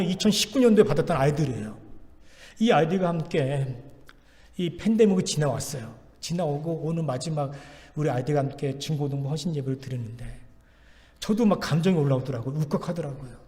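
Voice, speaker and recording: A male pastor delivers a sermon in a church, pressing his points through repeated, emphatic exhortations. His voice sits somewhat high for a man. The sound carries a long reverb from the church hall. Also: a little mellow. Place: church sanctuary.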